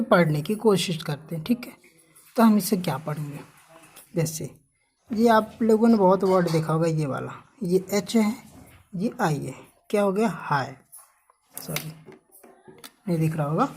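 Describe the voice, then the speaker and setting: Slow, patient woman teacher. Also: mid-range voice, darkish tone, slight background noise. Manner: asks questions, then answers them herself; spells out words letter by letter. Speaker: English teacher. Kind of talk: slow classroom explanation with questions.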